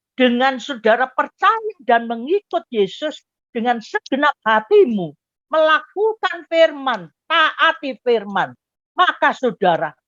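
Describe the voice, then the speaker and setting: A woman's voice: high-pitched, fairly bright tone, no echo. Emotive woman preaching her testimony. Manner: emotive, addresses listeners directly. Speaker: testimony speaker. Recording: dull dry lo-fi recording.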